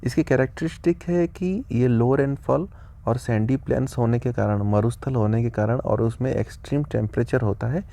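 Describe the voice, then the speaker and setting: A man's voice: medium pitch, normal speed, vocal fry, warm tone. A man teaching a geography lesson online, explaining step by step in a chatty way and addressing viewers as friends.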